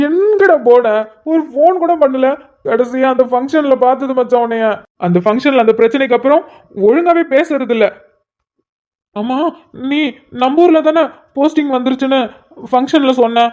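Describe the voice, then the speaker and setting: A woman's voice: high voice, a little mellow, close to an everyday voice. A woman voicing a sentimental young man who is emotional and pleading, in a cartoon. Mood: tearful. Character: tearful sentimental young man meeting an old friend. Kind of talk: cartoon voice acting. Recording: slightly muffled lo-fi audio.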